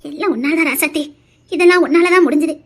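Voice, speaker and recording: A woman's voice: extremely high pitch, quick pace, voice pushed down. A woman voicing an older mother-in-law who scolds and acts shy, with a Tirunelveli Tamil accent. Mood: solemn.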